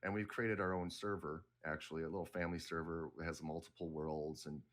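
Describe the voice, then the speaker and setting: Middle-aged male guest, very low voice, loose rambling delivery. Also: level tone, brisk, a bit bright. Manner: rambling, self-correcting, laid-back. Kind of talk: casual interview talk.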